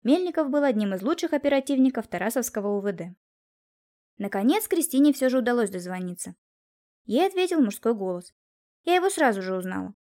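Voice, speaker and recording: A woman narrating a first-person detective novel in a steady storytelling manner. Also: a little high, fairly quick. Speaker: audiobook narrator.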